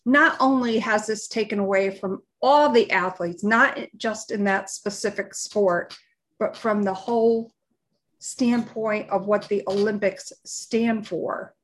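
A woman co-hosting a live podcast, giving unscripted opinions in a halting, deliberate way as she searches for words. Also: mid-range voice. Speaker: live show and podcast co-host.

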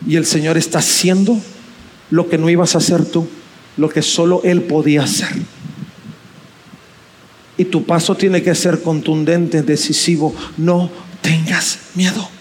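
A man's voice: fairly high pitch, steady tone, unhurried, pauses often, a little mellow, slight background noise. A man preaching a sermon with passion, asking rhetorical questions and repeating key phrases. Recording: faint music behind.

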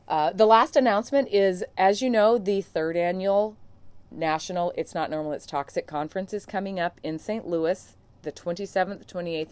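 A woman's voice: low voice, a little mellow. A woman hosting her own podcast as a coach, talking straight to listeners in an earnest, encouraging, conversational way. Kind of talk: solo podcast monologue.

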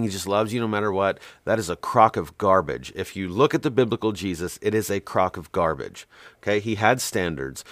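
Low-voiced blunt man teaching scripture. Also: dry recording. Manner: emphatic and blunt, with frequent fillers and restarts. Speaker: Bible teacher and show host. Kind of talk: teaching monologue with scripture reading.

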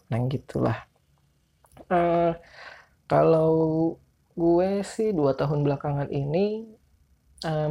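Male podcast host, Jakarta accent, dark mellow tone, can't roll his r's, loose and informal. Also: medium pitch, vocal fry. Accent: Jakarta Indonesian. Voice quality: speech impediment on r, cannot roll his r's. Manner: informal, rambling, self-deprecating. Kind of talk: casual solo podcast chat.

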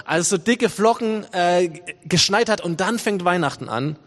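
A high-voiced man delivers a conversational sermon and leans on rhetorical questions. His words echo through a church with a long reverb. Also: expressive, moderate pace, fairly bright tone. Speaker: preacher.

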